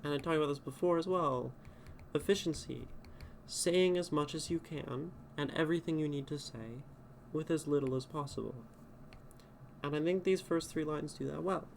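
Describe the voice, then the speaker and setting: Speaking at a moderate pace in a slightly high, creaky voice, a man casually critiques a poem on his home live stream. He thinks out loud, rereading lines and testing edits, with a bit of background noise present.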